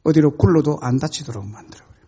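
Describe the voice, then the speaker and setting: A man's voice: on the high side, fast, mellow, breathy edge, highs cut off. A male pastor preaching a sermon, telling stories dramatically with sudden emphatic swings.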